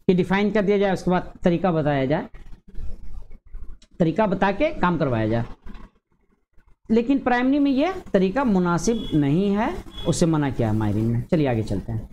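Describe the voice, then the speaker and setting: A male teacher explaining a grammar lesson to teachers and parents, measured, with frequent drawn-out hesitations and slow repeated word pairs. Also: sits high, a little mellow, a little hiss or hum.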